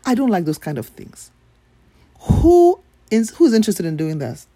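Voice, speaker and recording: A woman's voice: low-pitched, very animated, quick pace, mellow, slightly rough, no echo. Blunt, emphatic woman from Nigeria. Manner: blunt, emphatic, swears freely. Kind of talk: casual opinion monologue.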